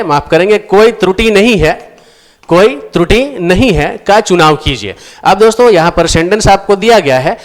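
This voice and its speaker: High, smooth-voiced male Hindi teacher. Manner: addresses viewers as friends, repeats answers for emphasis; reads sentences aloud slowly and deliberately. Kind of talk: exam-prep lesson explaining answers. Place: screen-recorded lesson with on-screen board.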